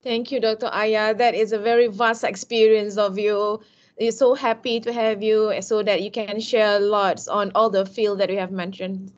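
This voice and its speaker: A woman's voice: mid-range voice, little pitch movement, normal speed. A woman hosting an online meeting, chatty, calling on guests by name. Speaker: meeting host. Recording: dull lo-fi sound.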